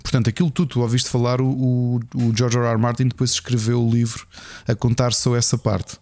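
Guy with european portuguese accent, soft dark tone, chatting on a podcast, mid pitch. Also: little pitch movement, brisk. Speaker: podcast co-host. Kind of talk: casual chat.

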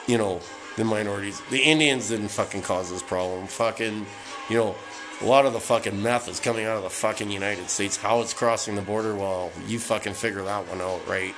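Solo host, a man from Canada: a foul-mouthed, rambling late-night rant, low-pitched, with a record playing behind him. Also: steady tone, a little fast, rough recording. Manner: swears constantly, heated and rambling. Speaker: solo podcaster ranting. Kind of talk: casual profane rant. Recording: music playing in the background. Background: music from a record player.

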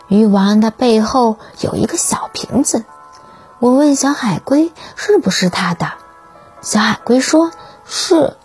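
Casting: woman storyteller, slow, gentle bedtime-story reading, breathy and husky tone. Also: on the high side, animated. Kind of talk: children's story narration. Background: faint background music.

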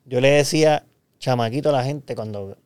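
A man with a Puerto Rican accent in casual chat, telling stories in a relaxed way with salty slang. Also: medium pitch, normal speed, clear, resonant tone, no room sound. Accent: Puerto Rican Spanish.

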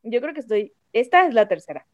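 A woman's voice: on the high side, big pitch swings, fairly quick, no room sound. A woman with a Mexican accent, a guest telling a personal story in a candid, reflective way and repeating phrases for emphasis. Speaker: interview guest.

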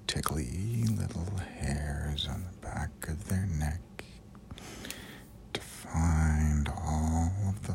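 A man delivers an intimate ASMR monologue right in your ear, very slowly and half-whispered. His low voice has a gravelly creak, and he spaces out his soothing, affirming phrases with deliberate pauses. A light layer of noise sits behind him. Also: darkish tone. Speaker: host.

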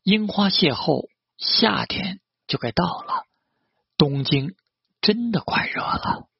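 A man's voice: high voice, lively intonation, slow pace, gravelly, husky, dry recording. A man narrating a novel as an audiobook, reading all the characters in the same plain voice. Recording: dull, slightly lo-fi dry recording.

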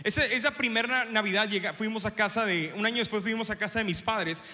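A middle-aged man with a Mexican accent preaches to his congregation, telling stories and calling out questions. His voice sits high and sounds bright and forceful. A long reverb trails after him, as in a large hall. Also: brisk. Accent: Mexican Spanish. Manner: storytelling, lively and engaging the congregation. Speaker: pastor. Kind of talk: sermon.

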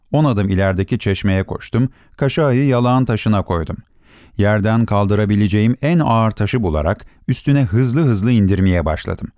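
A man narrating a story for an audiobook in a measured, expressive storytelling manner. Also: on the low side, no echo, clean studio sound. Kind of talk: scripted narration.

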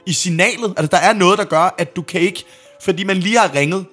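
A young man co-hosting a podcast, chatting casually and acting out stories with sudden shouts. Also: sits high, soft background music. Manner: jokey, acts out scenes with sudden shouts. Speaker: podcast co-host. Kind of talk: casual chat.

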